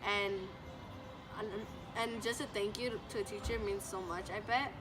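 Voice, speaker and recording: A woman's voice: mid-range voice, steady tone, moderate pace, music in the background. A young woman, a student, giving an informal, earnest personal speech in a conversational storytelling way. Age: teenage to young adult student. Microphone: distant microphone. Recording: distant mic, clearly noisy urban background.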